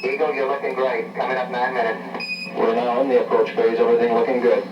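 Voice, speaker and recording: A man's voice: mid-range voice, level tone, quick pace, roomy sound, loud music behind the voice. A man speaking over a crackly space radio transmission, making terse, matter-of-fact call-outs in clipped radio procedure talk. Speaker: astronaut and mission control radio traffic. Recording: noisy, muffled archive radio from far off.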